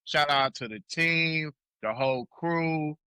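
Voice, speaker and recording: A man's voice: on the high side, takes it slowly, sharp tone, smooth, no echo. A man in his thirties from South Carolina with a Southern US accent, a rapper guest chatting casually in an interview, laid-back and repeating his words. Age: 30s.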